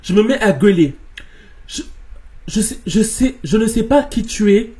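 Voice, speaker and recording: A man from France hosting, casually reading viewers' stories aloud and commenting on them. He talks in an animated way, repeats words and mixes in English slang. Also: high-pitched, a little slow.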